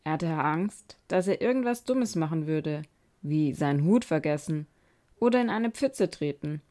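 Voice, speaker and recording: A woman podcast host reading a children's story aloud in a calm, measured way. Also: low voice.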